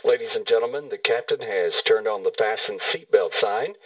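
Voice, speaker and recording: A man's voice: fairly low pitch, recorded from a distance, low-quality recording. Man giving a formal flight announcement. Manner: formal, measured, polite. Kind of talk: scripted in-flight safety announcement.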